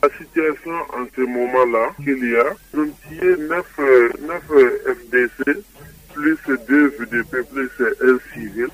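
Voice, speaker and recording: A man, his voice altered by a voice changer, speaking haltingly as an eyewitness on a phone call. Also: mid-range voice, recorded from a distance. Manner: halting, hesitant, with repeated fillers and restarts. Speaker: eyewitness resident interviewed by phone.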